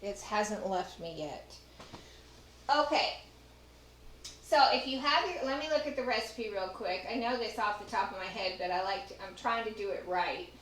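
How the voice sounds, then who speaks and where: A middle-aged cooking show host with a Texas accent chats to viewers while demonstrating a recipe in her home kitchen. She has a mid-range, fairly bright voice at normal speed. A far camera picks up slight background noise, echo and clattering dishes.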